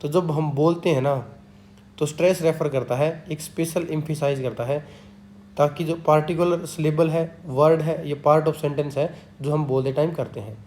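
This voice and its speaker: A man tutoring students through an exam paper. He reads English definitions slowly, then explains them in Hindi. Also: a little high, steady tone, darkish tone, slight background noise. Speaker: exam tutor, channel host. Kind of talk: exam-prep lesson explaining a question paper.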